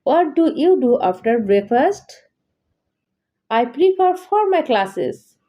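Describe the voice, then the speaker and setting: A woman with a high, lively voice leads beginner English drills, saying each line twice. She speaks slowly and clearly, with a mellow tone. The sound is a little dull. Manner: every line spoken twice, slow and deliberate. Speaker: English teacher. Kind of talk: slow repeated dialogue drills for learners.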